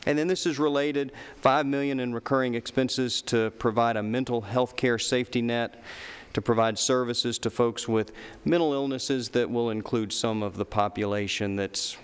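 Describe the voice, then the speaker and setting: A man reading out funding items at a committee meeting in a measured way, with hesitant fillers. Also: medium pitch, fairly even intonation, smooth. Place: large meeting chamber. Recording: long reverb of a meeting hall.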